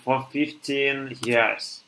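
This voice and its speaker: A young man in his twenties from Russia with a Russian accent, thinking aloud haltingly as he codes on a live stream and answers chat. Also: medium pitch, steady tone, creaky, bright, forceful tone, reverberant, slight background noise, poor audio. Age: 20s. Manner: halting, thinks aloud with many pauses and restarts.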